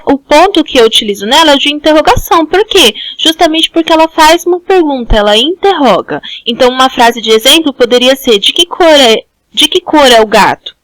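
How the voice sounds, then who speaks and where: A woman's voice: high voice, fairly bright tone, dry recording, poor audio. A Brazilian woman teaching a school language class, explaining step by step and often checking in with "né?". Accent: Brazilian Portuguese. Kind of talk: online class lecture.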